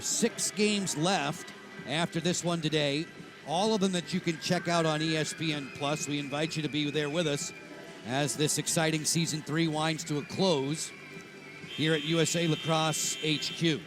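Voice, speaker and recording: Play-by-play man, slightly high voice, steady broadcast read over background music. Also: poor audio. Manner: steady, informative broadcast delivery. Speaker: play-by-play commentator. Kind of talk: live sports commentary.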